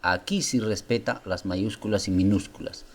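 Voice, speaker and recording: A man presenting a software tutorial, explaining step by step and asking viewers rhetorical questions. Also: fairly low pitch, moderate pace. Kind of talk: screen-recorded software tutorial.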